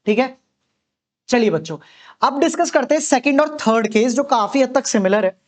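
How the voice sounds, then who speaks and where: A man teaching accountancy in a lecture, posing questions and answering them the way his students would, and checking in with a frequent "okay". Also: very high voice. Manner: repeats a reassuring "okay" to check understanding. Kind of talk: classroom lecture.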